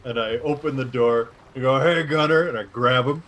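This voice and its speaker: A man playing a tabletop game, joking casually in a playful way, quick to laugh. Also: mid-range voice, fairly even intonation, a bit bright. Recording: noticeable background noise.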